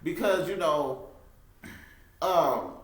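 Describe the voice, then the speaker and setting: A woman's voice: sits low, expressive, very slow, slight background noise. A woman in a casual heartfelt conversation, speaking candidly and expressively. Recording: echoey room.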